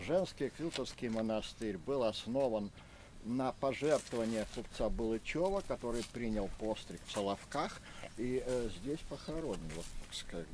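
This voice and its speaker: Guy in his 60s, mellow voice, thoughtful halting speech outside, bit of noise. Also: medium pitch. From Russia. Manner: reflective, halting with hesitations. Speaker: speaker at memorial rally. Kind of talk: unscripted public remarks. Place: outdoors in a park by memorial stones. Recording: faint outdoor background noise.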